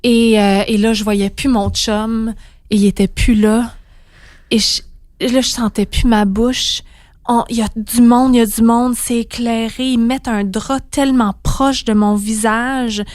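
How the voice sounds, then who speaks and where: A woman's voice: fairly high pitch, steady tone, unhurried, a little mellow, no room sound, clean studio sound. A woman with a Quebec French accent, a guest on a podcast, telling the story of her birth in a vivid, emotional way.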